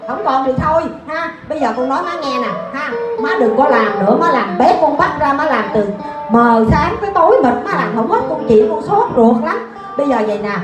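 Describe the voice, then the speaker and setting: A woman's voice: high-pitched, expressive. A woman with a Southern Vietnamese accent playing a chattering daughter who fusses over her mother while loading her with chores. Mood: fussy. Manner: rapid, fussing and exclaiming. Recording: echoey stage with music.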